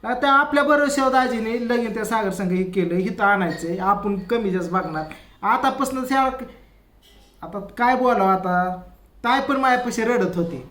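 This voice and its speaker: A man with a strikingly high voice and a rants through a comedic family tale. He keeps quoting the people in the quarrel. The sound carries a noticeable room echo. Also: moderate pace, a bit bright. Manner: ranting, retelling quarrels with quoted voices. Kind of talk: rural family-drama comedy monologue.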